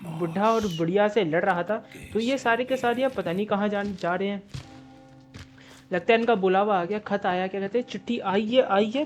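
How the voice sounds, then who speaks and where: A young man giving live commentary over his own gameplay, cracking jokes and swearing at nearly everything on screen. He talks in a loose, excitable way and breaks into panicked shouting when things go wrong, with faint game music in the background. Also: high voice. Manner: excitable, swears constantly, jokey banter; yells in panic during fights. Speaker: gaming channel host.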